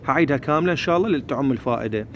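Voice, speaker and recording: A man with an Iraqi Arabic accent teaching Quran recitation, explaining each point quickly and then reciting verses slowly and drawn out. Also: medium pitch, lively intonation, slight background noise.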